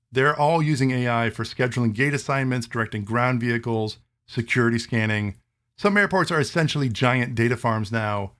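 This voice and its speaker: A man speaks in an easygoing, explanatory monologue as the host of his own show. His voice sits in an ordinary middle register. He speeds up for quick asides and slows down to spell things out. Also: medium pitch. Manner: conversational, animated asides, quick bursts then slowing to spell terms.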